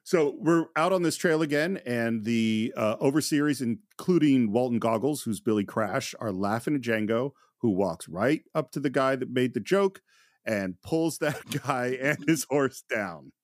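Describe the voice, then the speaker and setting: A man hosting a podcast film discussion, with a lively, rising-and-falling voice. He talks in an analytical, self-deprecating way. The sound is close and dry. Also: mid-range voice, measured pace, no echo. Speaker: podcast host.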